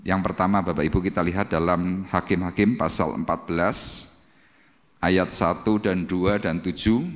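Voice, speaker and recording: A male pastor preaching dramatically to a congregation, acting out cries and sound effects. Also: deep voice. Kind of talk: Pentecostal sermon. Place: church hall. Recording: long church-hall reverb.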